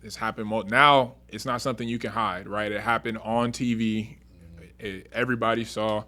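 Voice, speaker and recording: A man hosting a casual podcast interview, relaxed, nodding along and asking follow-up questions. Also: lowish voice, moderate pace. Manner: relaxed, affirming, asks follow-ups. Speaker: podcast host.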